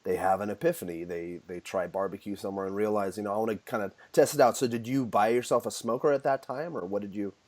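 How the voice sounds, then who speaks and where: A man's voice: on the low side, quick pace, few pauses, a little mellow. A man hosting a casual interview, asking friendly questions with frequent restarts. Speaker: podcast host.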